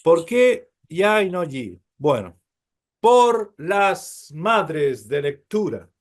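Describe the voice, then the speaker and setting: A man's voice: high-pitched, very animated, very slow. A man teaching a Hebrew class, explaining patiently, calling his listeners brothers and checking often that they follow.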